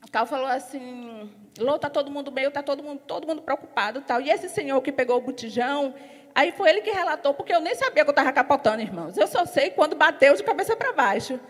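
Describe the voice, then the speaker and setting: A woman giving her testimony in a church service, telling her story lively, acting out what others said, and growing loud and emphatic as she preaches. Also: sits high. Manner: storytelling, acts out other people's lines in quotes. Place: church hall. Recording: long hall reverb.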